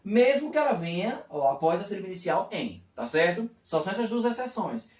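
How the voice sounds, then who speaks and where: A man teaching a video lesson, with a lively voice that rises and falls as he walks through each step. He often asks a question and then answers it himself. The sound is roomy and echoey, caught from some distance away. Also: high-pitched, fairly quick. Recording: echoey room, voice from far off.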